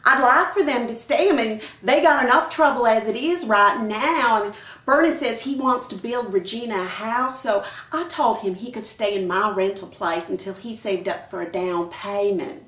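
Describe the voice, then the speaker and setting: A woman's voice: a little high, moderate pace, fairly bright tone, natural voice. An actress playing a nosy, catty neighbor woman who gossips with mock sympathy. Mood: concerned. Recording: echoey room.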